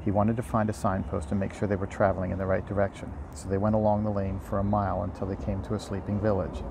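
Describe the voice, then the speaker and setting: A man with a deep voice reads a storybook aloud outdoors by a river, talking fast with vocal fry and a flat delivery. An amateur audiobook reader and host, he's informal and unpolished, stumbling now and then and rereading lines. Faint outdoor ambience sits in the background.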